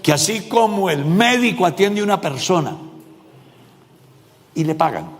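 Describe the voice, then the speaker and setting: A male pastor preaches to his congregation in a church. His voice sits high and carries a long, ringing reverb from the hall. He jokes and throws questions out to the people as he goes. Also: sing-song, normal speed. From Colombia. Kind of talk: sermon.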